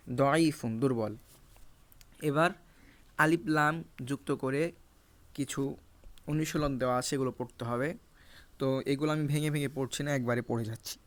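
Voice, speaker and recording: A man whose first language is Bengali teaches an Arabic lesson, reading examples from a textbook and explaining each rule step by step. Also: mid-range voice.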